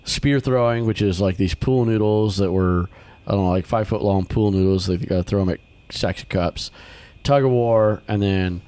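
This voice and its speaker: A man with a fairly low voice hosts a relaxed conversation about children's ministry. He tells stories with lots of energy and jumps into a higher voice to act out the people he quotes. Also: moderate pace, few pauses. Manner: animated storyteller, acts out quotes in higher voice. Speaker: podcast host, children's ministry. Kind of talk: casual chat.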